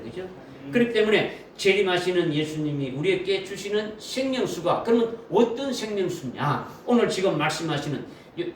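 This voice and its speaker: Male pastor, sermon delivery, quizzes the congregation and repeats key lines; roomy sanctuary sound with faint hiss. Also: high-pitched. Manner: asks the congregation questions and repeats key phrases. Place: church sanctuary. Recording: roomy echo from a distant mic with faint noise.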